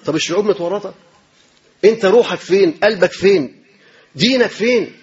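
An Egyptian man delivers a sermon at a quick clip, his voice high and husky. He drives his points home with rhetorical questions and repetition. The recording is dull and lo-fi. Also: darkish tone. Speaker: sheikh giving a religious lecture. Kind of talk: colloquial sermon.

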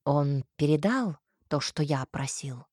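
Woman putting on a low, muffled incubus man. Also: lively intonation, slow pace, a little mellow, husky, dry recording, studio quality, exaggerated voice.

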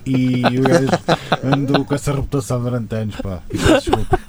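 A man's voice: mid-range voice, steady tone, a little fast, over a noisy crowd. Portuguese man telling a comic story. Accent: European Portuguese. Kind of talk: casual comedy chat.

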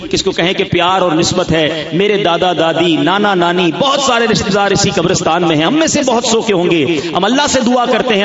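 High-voiced preacher in an echoing hall. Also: male voice, fairly bright tone. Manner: fervent, addresses listeners as brothers, acts out dialogues. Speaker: preacher at a religious gathering. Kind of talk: emotional sermon with storytelling. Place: large gathering near a graveyard. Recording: roomy, slightly dull broadcast recording.

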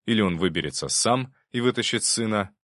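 A man narrating an audiobook in scripted prose. His voice sits a little low but moves about with lively intonation. The sound is dry and close to the mic. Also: a little fast, dry recording.

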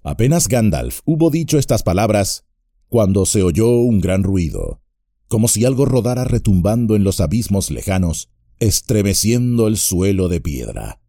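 A man reads an audiobook aloud in a low, mellow voice. His intonation rises and falls freely, lending drama to each scene. The recording is dry and close to the mic. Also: unhurried, gravelly, no room sound. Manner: expressive, dramatic reading. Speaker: audiobook narrator. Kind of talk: scripted narration.

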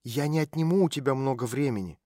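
A man voicing a calm woman private detective who speaks quietly and gently to coax a runaway girl. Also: a little high, unhurried, dry recording, studio quality. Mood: soothing. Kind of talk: audiobook character voice.

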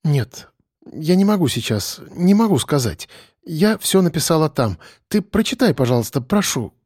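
A man's voice: fairly high pitch, very animated, moderate pace, husky, dry recording, studio quality. A man doing a sad, stubborn young woman. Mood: pleading. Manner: soft, pleading and strained. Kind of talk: audiobook character voice.

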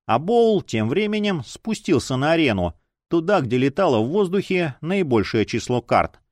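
A man reads a dark thriller aloud in a dramatic, expressive way, his pitch moving a lot. The recording is close and dry. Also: normal speed, no room sound. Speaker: audiobook reader. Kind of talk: dramatic audiobook narration.

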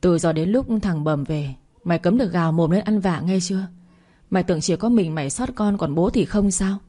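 A woman voicing a rough, furious young father who snarls crude threats in a story reading. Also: lowish voice, a little fast, mellow, lightly acted. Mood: snarling.

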